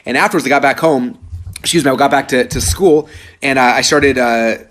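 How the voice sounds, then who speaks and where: A man in his thirties presenting a live sales webinar, telling a story in an energetic, rambling way with lots of filler words. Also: medium pitch, fairly quick.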